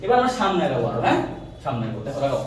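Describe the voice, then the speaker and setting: A male physics teacher lecturing a class, firing quick questions and repeating answers in a call-and-response drill. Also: medium pitch, very animated, a little hiss or hum. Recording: echoey room, mic far off.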